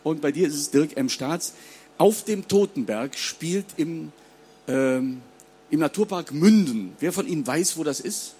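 A man's voice: on the high side, animated, a little slow, dark tone, breathy edge. A man moderating a book reading, chattily introducing the author and asking the audience questions. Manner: chatty, addresses the audience, fillers. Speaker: event moderator.

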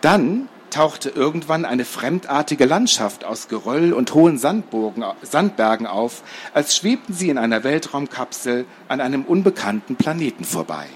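Guy reading a kids book out loud, super animated, bit of room hum. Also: mid-range voice, moderate pace, hardly any pauses. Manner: lively, expressive reading. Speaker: storyteller. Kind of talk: reading a children's book aloud.

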